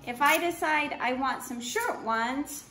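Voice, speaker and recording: A middle-aged art teacher gives children simple, step-by-step craft directions at an indoor wooden table, speaking unhurriedly in short phrases as she works with her hands. Her high-pitched voice sounds pushed and bright. Roomy echo and faint noise come through from a camera a couple of meters away.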